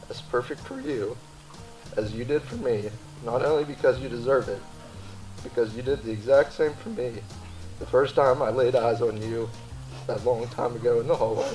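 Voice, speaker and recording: Groom, young man, warm dark tone, solemn vows, slightly off-mic. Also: medium pitch. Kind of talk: reading personal wedding vows. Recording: slightly distant mic under music. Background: music.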